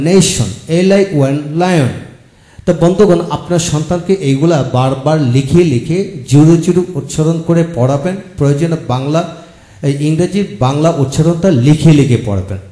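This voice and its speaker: A man's voice: on the high side, dark tone. Patient male English teacher, echoey room. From Bangladesh. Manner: slow, patient, repeats each word twice. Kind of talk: video lesson, spelling out words letter by letter.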